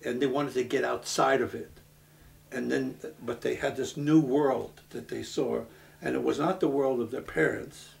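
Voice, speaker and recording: A man, from Brooklyn, speaking earnestly in a documentary interview, halting with many restarts. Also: mid-range voice, fairly even intonation, creaky. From Brooklyn, New York. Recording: voice from a distance off the mic.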